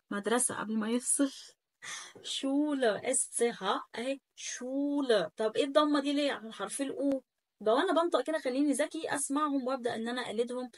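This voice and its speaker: A woman with an Egyptian Arabic accent teaching a German lesson in a chatty way, slowly repeating each word and checking "okay?" after every point. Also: a little high, no room sound. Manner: drills words slowly, repeating them again and again. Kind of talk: casual spoken lesson.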